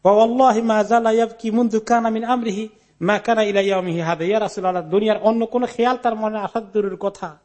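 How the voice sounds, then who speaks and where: High-voiced man giving a scripture lecture. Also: darkish tone. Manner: recites Arabic narration, then explains it in Bengali; mixes English words into his talk. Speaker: Quran commentary lecturer. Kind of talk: Quran commentary lecture.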